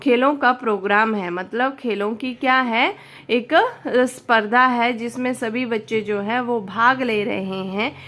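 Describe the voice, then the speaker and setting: A woman's voice: fairly high pitch, unhurried, a bit bright. A woman teacher, patiently explaining a textbook lesson to students and repeating each answer.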